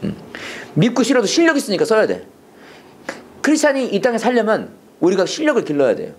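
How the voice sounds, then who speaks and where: Animated preacher-teacher with lively pitch. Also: male voice, quick pace, slight background noise. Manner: animated, call-and-response, mixing English and Korean. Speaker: Bible English teacher. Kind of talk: preachy Bible English lesson.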